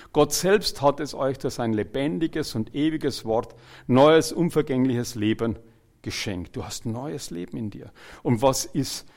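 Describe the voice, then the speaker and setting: A man preaching an evangelical sermon, who swings between loud exclamations and quiet, earnest asides and jokes with the congregation as he retells scripture in everyday terms. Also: medium pitch.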